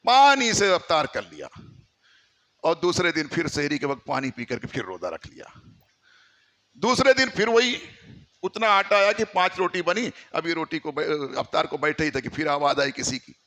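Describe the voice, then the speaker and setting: A man's voice: on the high side, sing-song, normal speed, bright, forceful tone. A man from India preaching a storytelling sermon, emphatic and exhorting his listeners.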